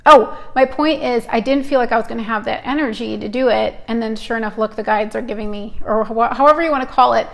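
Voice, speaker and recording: Middle-aged woman, live-stream card reader, rambling and hyper, slightly high, fry in the voice. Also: fast, hardly any pauses. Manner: chatty, rambling, hyper and self-interrupting.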